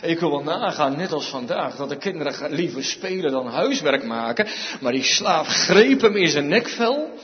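A male preacher giving an emphatic sermon, with dramatic pauses and repeated phrases. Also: on the high side, very animated. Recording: dull sound, echoey hall.

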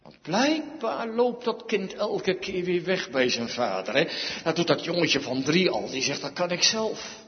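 A man preaches a sermon in a slow, lively voice that swings widely in pitch, leaning on repeated words and rhetorical questions. His voice sits a little high for a man. The recording is dull and lo-fi, with a long reverb trailing through the church hall. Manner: emphatic, repeats key words and asks rhetorical questions with a tag "hè". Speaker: pastor.

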